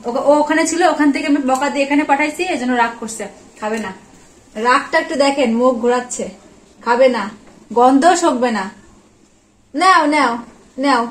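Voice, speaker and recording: Lady home vlog, high voice, keeps coaxing the dog, echoey room. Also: moderate pace, long pauses. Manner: coaxing, repeats short words to the dog. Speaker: vlogger. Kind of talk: casual home vlog, talking to a pet dog.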